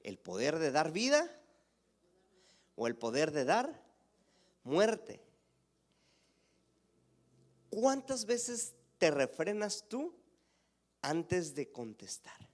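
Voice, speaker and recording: Pastor guy preaching, kinda high voice, goes big and loud then drops to almost a whisper, keeps asking the crowd questions. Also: sing-song, very slow, long pauses. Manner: swings between emphatic raised delivery and hushed near-whispers; preaching with rhetorical questions to the congregation. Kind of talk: sermon.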